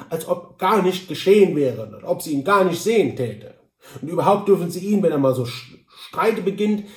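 A man's voice: sits high, a little mellow, echoey room, far from the mic, voice pushed up. A man doing a jovial stout frontiersman with an Altenburg accent. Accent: Altenburg dialect. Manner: hearty, coaxing, chuckling.

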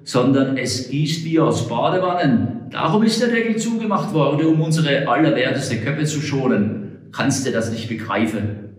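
A man's voice: mid-range voice, expressive, moderate pace, pitched above the performer's own voice, close to an everyday voice. A man voicing a pompous, touchy middle-aged frontiersman who speaks with a Saxon German accent and talks in indignant, long-winded bursts. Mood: scolding. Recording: roomy echo.

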